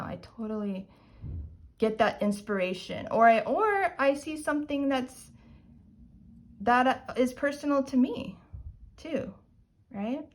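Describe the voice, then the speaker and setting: A woman chatting in a casual haul video, gushing and self-describedly dorky, sometimes dropping to soft murmurs while showing polishes. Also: on the high side. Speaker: nail polish vlogger.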